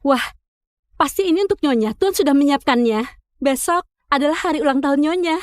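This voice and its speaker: A woman voicing a household maid who speaks politely and excitedly in a dubbed drama. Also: high voice, a little fast, no echo, clean studio sound, close to an everyday voice. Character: chirpy, deferential household maid.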